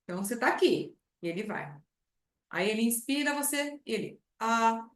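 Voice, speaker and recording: A Brazilian woman teaching speech therapists, lively, acting out how she talks to a patient at the bedside. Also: a little high, moderate pace, reverberant. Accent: Brazilian Portuguese. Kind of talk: clinical lesson with acted patient dialogue.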